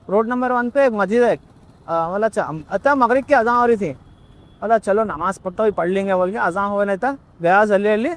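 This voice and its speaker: A young man recounts a personal episode in a casual vlog. His voice sits very high for a man. He loops back over the same points again and again as he tells it. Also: fairly bright tone. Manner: rambling, repetitive, emotional retelling. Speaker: vlogger telling a personal story. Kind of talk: casual storytelling monologue.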